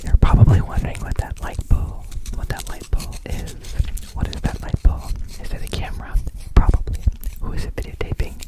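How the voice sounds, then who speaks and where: A man hosting ASMR in a whisper, rambling softly and repeating words and phrases. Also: brisk, hardly any pauses. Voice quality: fully whispered, unvoiced voice. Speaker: host of an ASMR channel.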